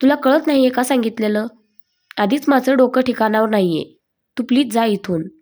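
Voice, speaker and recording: A man's voice: extremely high pitch, moderate pace, darkish tone. A woman voicing an angry young husband who speaks in curt, snapping bursts, in a storybook reading.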